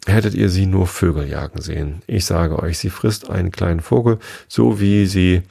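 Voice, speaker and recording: A man's voice: deep voice, moderate pace, vocal fry, mellow, slightly rough, heavily acted. A man reading the lines of a curious, polite little girl aloud from a storybook. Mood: eager.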